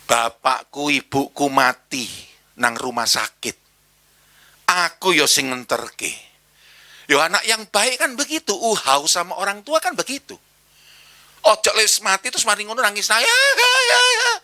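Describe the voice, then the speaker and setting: A man with an East Javanese accent preaching a sermon in church, animated and slipping into Javanese slang while acting out voices. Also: high-pitched, a little slow, pauses often, no echo. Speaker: pastor.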